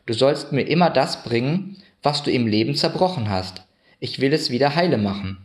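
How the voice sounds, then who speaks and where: A man voicing a gentle, patient young Christ child, speaking kindly in a soft questioning way. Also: mid-range voice, animated, moderate pace, close to an everyday voice. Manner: kind, softly questioning.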